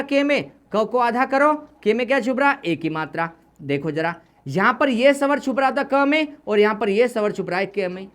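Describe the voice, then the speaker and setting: A woman teaching Hindi grammar, repeating key points and asking questions that she answers herself. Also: a little high. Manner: repetitive, asks questions then answers them. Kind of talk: classroom lesson explanation.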